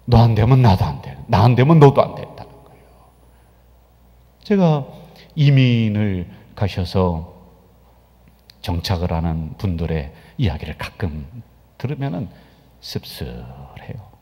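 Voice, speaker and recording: A male pastor preaching a sermon, swinging from loud proclamation to hushed whispers. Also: fairly low pitch, lively intonation, unhurried, pauses often, dull audio. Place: church sanctuary. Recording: church hall with long reverb.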